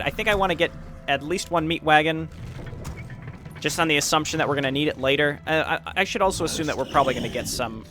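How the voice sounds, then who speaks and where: Bright, higher-voiced man commentating a game. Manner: thinks aloud while playing. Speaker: gaming video host.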